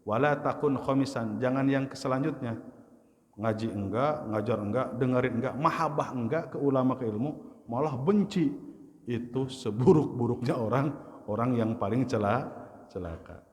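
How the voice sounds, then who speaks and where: A man giving a relaxed religious lecture in a mosque, his voice sitting at an ordinary middle pitch. He tells anecdotes and sometimes mimics the people in his stories. A long reverb hangs on his words from the hall. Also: normal speed. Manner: storytelling, acts out voices of questioners with high pitch. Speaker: Islamic religious teacher.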